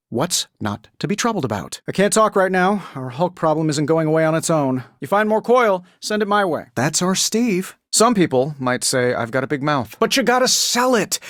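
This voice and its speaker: A wisecracking billionaire superhero in armor for a video game. His voice sits high for a man and swings around in lively, animated lines. He is cocky, glib and sardonic, and the sound is dry and close. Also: no room sound. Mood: upbeat, boastful.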